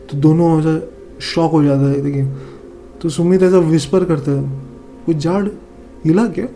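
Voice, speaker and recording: Guy w northeast indian accent telling a scary story, kinda high voice, mellow tone, faint hiss behind. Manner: animated, acts out friends' lines, many fillers and repeats. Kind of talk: casual spoken horror storytelling.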